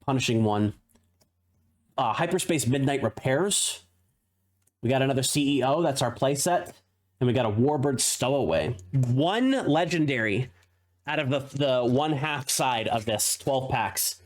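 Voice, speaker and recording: A man with a mid-range voice and an unhurried pace streams himself opening a card pack, rattling off card names between chatty asides. It's casual unboxing commentary, and he laughs now and then at his own tongue-twisters.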